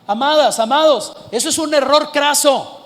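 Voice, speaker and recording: A man preaching a sermon as pastor, slowing down to stress words and at times rising to emphatic shouts. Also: very high voice, in a large hall.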